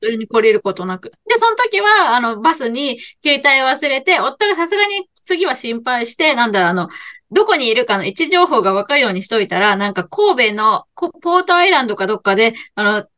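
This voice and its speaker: A middle-aged woman chats on a podcast in a high, bright voice that leaps up and down. She talks fast and tells her story with animated energy, laughing along the way. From Tokyo, Japan. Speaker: podcast co-host. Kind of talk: casual chat.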